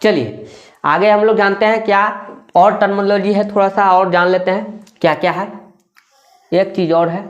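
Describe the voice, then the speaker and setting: A patient maths teacher explains things classroom-style in a medium-pitched, fairly even voice at a moderate pace, pausing often. He or she repeats key terms, asks rhetorical questions and checks in with tag questions. The recording is muffled.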